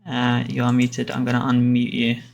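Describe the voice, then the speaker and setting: A man's voice: mid-range voice, completely flat delivery, normal speed, gravelly, highs cut off. A man casually moderating an online event as its host, speaking on a video call.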